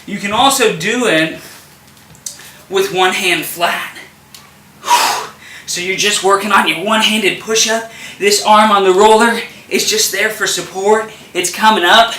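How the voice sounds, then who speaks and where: Fitness instructor, man, bright edgy voice, straining mid-exercise, recorded off-mic in an echoey room. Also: sits high, distant mic, a little hiss or hum. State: effortful, straining. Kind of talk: exercise demonstration.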